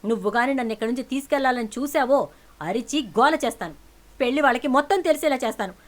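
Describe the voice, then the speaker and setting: A woman's voice: a little high, fast talker, close to an everyday voice. A woman voicing a young woman desperate to marry her cousin, pleading and defiant in turn. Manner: pleading, then defiant and shouting.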